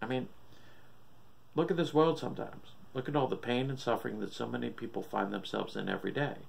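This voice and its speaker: A troubled married man acted by a male narrator speaks with earnest, searching doubt. His voice has a gravelly creak, in the manner of horror storybook dialogue. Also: mid-range voice, steady tone, brisk, a little hiss or hum. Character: troubled adult son doubting God, shaken husband.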